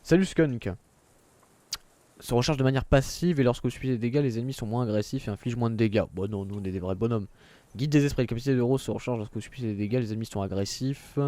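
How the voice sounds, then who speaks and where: A man's voice: medium pitch, mellow, dry recording. A man streaming a video game, chatting casually and reading menus and game text aloud, with self-mocking asides. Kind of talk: casual gameplay commentary.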